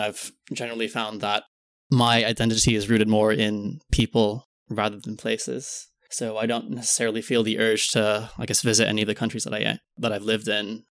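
Podcast guest: man in his twenties from the Philippines, lowish voice, dry close sound, reflective and hedging. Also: monotone, normal speed, a bit bright, no echo. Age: 20s. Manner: thoughtful, hedging with "I guess" and "I suppose". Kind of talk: casual chat.

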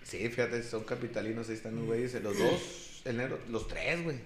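A man's voice: mid-range voice, a little fast, reverberant, a crowd in the background. A man in his twenties with a Mexican Spanish accent, telling a story in casual chat, slangy, with a filler in every phrase. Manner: slangy, peppers every phrase with a filler, acts out voices in quotes.

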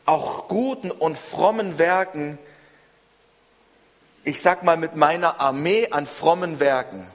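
A man delivers a sermon in an earnest, measured way, circling back over phrases as he presses his point. His voice sits a little high for a man. The sound rings with the long reverb of a large hall. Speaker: preacher.

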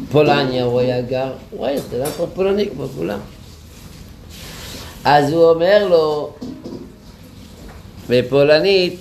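A man's voice: on the high side, a little mellow, a little hiss or hum. A man giving a sermon at a memorial gathering, telling a story and rising emphatically into rhetorical questions. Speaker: rabbi giving a talk.

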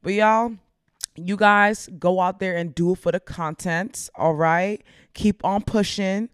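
A woman's voice: medium pitch, fairly even intonation, slow, clean tone, no room sound, clean studio sound. A woman content creator giving casual, upbeat advice in a chatty way, laughing often.

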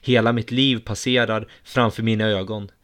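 A man reading a first-person story aloud in a steady, measured way. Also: lowish voice.

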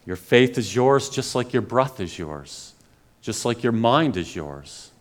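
Male pastor, measured sermon delivery, earnest and pleading with emphatic swells. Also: mid-range voice, animated. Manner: earnest, pleading, rises to emphatic peaks then drops quiet.

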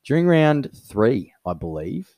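Speaking at a medium pitch without hurrying, an Australian podcast co-host tells stories in relaxed conversation. He's lively and laughs a lot, and there's no echo on his voice.

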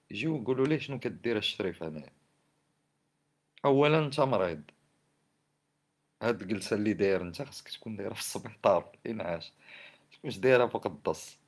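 A man with a Moroccan Arabic accent giving impassioned social commentary in an indignant, scolding way, firing off rhetorical questions. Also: lowish voice. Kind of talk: impassioned spoken commentary on society and government.

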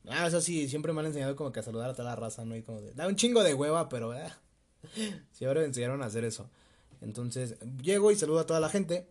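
A young man with a Mexico City accent, telling a personal story in a casual, slangy, animated way with bits of laughter. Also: on the high side, fast talker. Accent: Mexico City Spanish. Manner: slangy, laughing, animated retelling with quoted voices. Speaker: vlogger.

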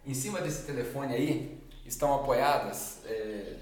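A Brazilian man with a Brazilian Portuguese accent hosts a podcast and shares personal stories in a relaxed, conversational way. His voice sits in a mid register. The recording carries a noticeable roomy echo. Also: medium pitch, measured pace. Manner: casual, conversational, acts out quoted dialogue. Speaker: podcast host. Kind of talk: reflective personal storytelling.

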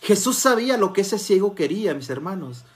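A man preaching a sermon, dropping to soft murmurs and then rising to loud fervent cries as he calls out to his listeners as brothers. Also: high-pitched, big pitch swings, a little fast.

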